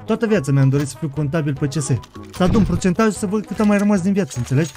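A young man streaming a shooter game, swearing nonstop and yelling at his teammates. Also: sits high, expressive, faint music behind. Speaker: gaming streamer. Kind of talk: casual gameplay commentary.

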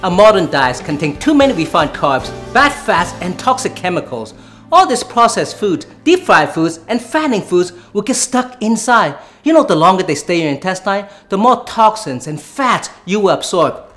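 High-voiced, animated male infomercial doctor. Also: normal speed, soft background music. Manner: explanatory, urging. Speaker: doctor presenting his own product. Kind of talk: infomercial presentation. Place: TV studio and kitchen set.

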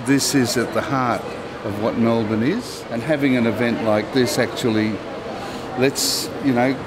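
A man's voice: medium pitch, steady tone, measured pace. An older man born in Czechoslovakia, speaking thoughtfully and searching for words in an interview in a public hall. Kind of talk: casual interview. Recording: loud background noise. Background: loud ambient noise.

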